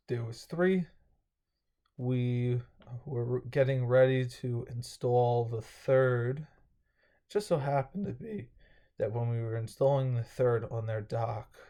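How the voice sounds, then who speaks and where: A young male vlogger with a slightly dry throat casually goes over his day, rambling with many fillers and restarts. His voice is medium-pitched and mellow.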